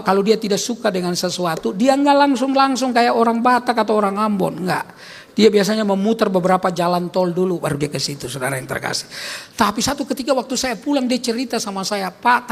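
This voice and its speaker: A pastor preaching a sermon at a church service, animated, swinging from loud calls to quiet asides and often turning to the congregation. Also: male voice, high-pitched, brisk, gravelly. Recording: long church-hall reverb.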